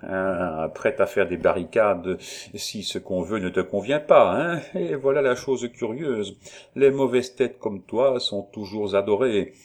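A man's voice: fairly low pitch, a little slow. A man playing a sly, doting old colonel. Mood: teasing. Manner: coaxing, falsely paternal.

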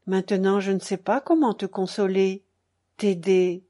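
A woman reading the part of a hurt, anxious young wife in an audiobook, hushed and pained. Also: mid-range voice, steady tone, unhurried, natural voice.

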